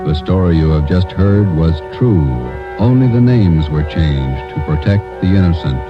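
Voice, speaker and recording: A man's voice: low-pitched, animated, unhurried, loud music behind the voice. A man delivering formal, declamatory scripted announcements in 1950s radio style. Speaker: program announcer. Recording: muffled 1950 radio broadcast recording.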